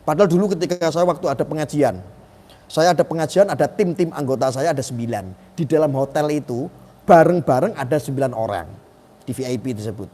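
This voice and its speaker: A man's voice: a little high, fairly quick, mellow, big-room sound. A middle-aged man giving emphatic live-stream commentary, asking rhetorical questions and acting out quoted voices.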